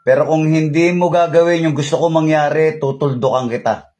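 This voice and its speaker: A faith healer leads a remote healing prayer over a call, chanting prayers before questioning a spirit in a commanding voice and repeating his questions. His voice is a little high and a little mellow, slightly fast, with fairly even intonation.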